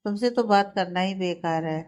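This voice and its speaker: A woman voicing a young husband who scolds his wife sharply, with a smooth, clear voice. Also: medium pitch, normal speed, lightly acted. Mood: angry. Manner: sharp, reproachful.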